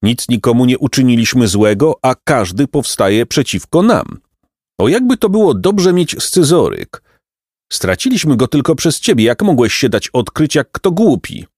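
A whiny storybook boy pours out plaintive complaints in a raised, lively voice, voiced by a male narrator. Dry, close sound. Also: medium pitch, normal speed, no room sound, pitched above the performer's own voice. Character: whiny, self-pitying young boy.

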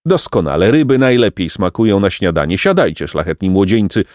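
A man's voice: sits low, sing-song, fairly quick, darkish tone, no room sound, clean studio sound. A man voicing a pompous, courtly male pelican who speaks with grand politeness and shrieks. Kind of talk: audiobook character voice.

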